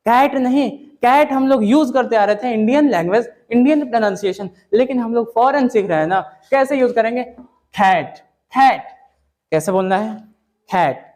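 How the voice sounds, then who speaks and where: Brief: male teacher with a very high voice, chatty and repetitive, quizzing his class. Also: brisk, hardly any pauses, darkish tone. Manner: repetitive, drilling students with questions; casual, says "yaar" and "bhai". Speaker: English pronunciation teacher. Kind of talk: classroom lesson.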